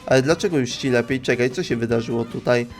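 A young man in casual reaction commentary, excitable and joking as he reads the lines aloud in quick asides. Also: mid-range voice, faint music behind. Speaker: YouTuber reacting to animations.

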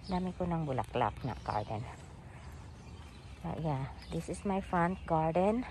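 Her low, darkish voice has lively intonation and an unhurried pace, with a little hiss or hum in the audio. She's a middle-aged woman with a Filipino accent giving a casual outdoor walking tour of her front garden, switching between English and Tagalog while holding her phone camera.

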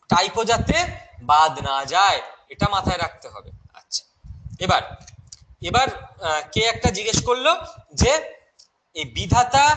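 A man's voice: sits high, background noise. A young man with a Bengali accent teaching a live online exam-prep class, chatty and mixing in English terms while answering viewers' questions.

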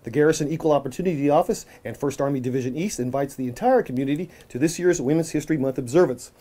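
A man's voice: fairly high pitch, fast talker, mellow. A middle-aged man hosting a local news show, reading his script in an upbeat way from a small office.

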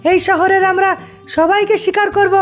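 A man's voice: very high voice, little pitch movement, moderate pace, faint music behind, voice pushed up. A man voicing a pack of cackling old hag monsters in a game video, taunting their prey.

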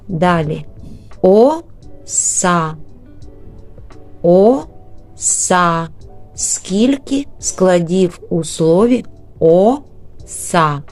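A woman's voice: lowish voice, a little mellow. A woman teacher, giving an early reading lesson to young children and drawing out words syllable by syllable. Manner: slow, drawn-out syllable-by-syllable word modeling.

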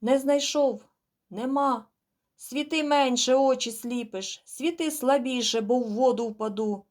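A woman voicing a rough man on a coal barge who shouts up to the wheelhouse in a storybook reading. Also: high voice, unhurried, voice pushed up. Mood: shouting. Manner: shouting over engine noise.

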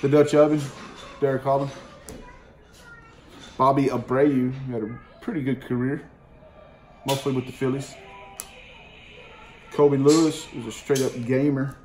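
Over soft background music and with poor audio, a man in a mid-range voice speaks unhurriedly, pausing often as he names baseball cards one by one in plain, slangy terms. He's a card collecting channel host doing casual card-opening commentary in his dining room at home. A camera on the table in front records him, with steady noise in the room.

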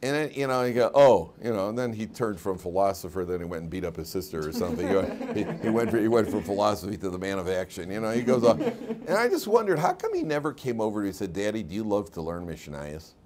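A man's voice: lowish voice, very animated, fast talker, a crowd in the background. A man, a rabbi giving a weekly Torah class as an informal lecture full of stories, repeating words and laughing at his own tales.

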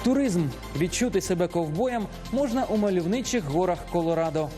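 A male correspondent with a high voice narrates a news report in a steady, clear way. Faint music runs underneath. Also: brisk.

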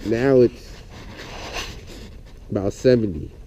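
A man with a fairly low, dark-toned voice talks slowly and off the cuff to viewers in his casual outdoor gear vlog, set in a yard in and around a tent. The audio is dull, with a slight hiss or hum.

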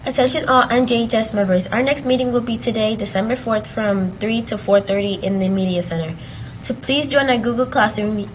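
A teenage girl anchoring a school morning news show, reading announcements carefully and slowing down for codes and dates. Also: mid-range voice, muffled recording. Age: teens. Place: school TV studio, green screen.

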